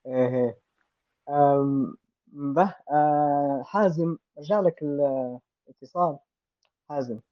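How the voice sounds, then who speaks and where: A man with a Libyan Arabic accent, hosting a casual interview and gently drawing answers out of young guests. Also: fairly high pitch, slow, long pauses, dry recording, lo-fi sound.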